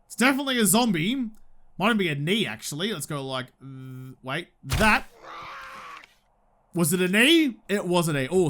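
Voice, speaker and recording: A man's voice: sits high, a bit bright. An Australian man giving casual gameplay commentary, talking in a slangy, joking, cheerfully sweary way. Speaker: gaming video host.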